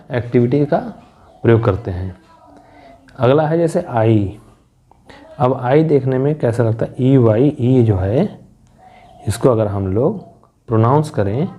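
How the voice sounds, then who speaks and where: A man's voice: medium pitch, narrow, tinny audio. A man teaching an English lesson, explaining step by step and answering his own questions. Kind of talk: classroom lesson explaining syllable patterns.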